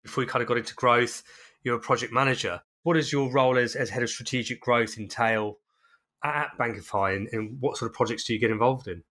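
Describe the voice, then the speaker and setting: A man's voice: mid-range voice, fairly even intonation, fast talker, sharp tone. A man hosting an interview podcast, asking loose questions with repeated words and fillers. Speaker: podcast host.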